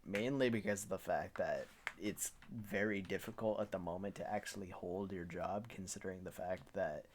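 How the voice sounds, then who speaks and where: A man's voice: deep voice, a little hiss or hum. A man co-hosting a casual gaming chat, hesitant, often repeating words, with dry jokes. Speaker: podcast co-host.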